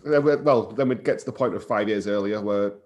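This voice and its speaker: A man's voice: lowish voice, brisk, darkish tone. A man co-hosting a podcast, recapping a film's plot from his notes in casual chat, with hesitant restarts. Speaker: podcast co-host. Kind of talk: casual film review chat.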